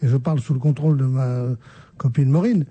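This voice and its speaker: A man on a radio panel talking in halting, repetitive bursts, then turning mockingly indignant. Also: medium pitch, dark tone, slightly rough, lo-fi sound. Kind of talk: casual radio banter.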